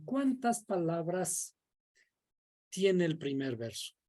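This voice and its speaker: A woman's voice: on the low side, sing-song, dark tone. A woman teaching a Bible study class in a classroom, explaining step by step and quizzing her students. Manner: slow, deliberate, quizzing the class. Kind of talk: classroom lecture. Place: classroom, indoors.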